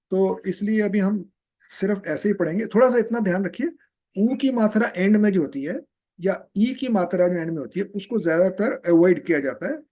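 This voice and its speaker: Mellow-voiced man teaching scripture. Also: high voice. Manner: patient, keeps asking "है?" to check understanding. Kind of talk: explaining scripture in a live class. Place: online live session. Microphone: video call.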